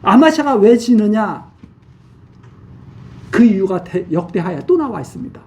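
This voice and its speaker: Man preaching with lively, animated delivery. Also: high voice, unhurried, distant mic. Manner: retells scripture in casual speech, acting out kings' lines. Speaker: pastor. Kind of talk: sermon.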